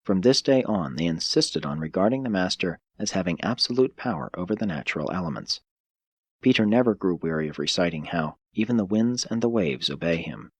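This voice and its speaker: In a low, husky voice, a man narrates scripture-like stories from a religious text, scripted and solemn like an audiobook reader. His measured delivery is expressive, and the recording is very dry and close, with no echo or room sound.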